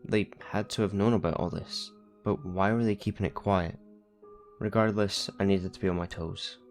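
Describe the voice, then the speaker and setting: Over quiet background music, a deep-voiced male narrator tells a first-person horror tale in an even, deliberate manner.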